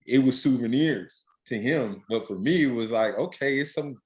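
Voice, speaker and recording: A man hosting a podcast, chatting casually and asking relaxed follow-up questions. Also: medium pitch, normal speed. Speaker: podcast host. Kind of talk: casual chat.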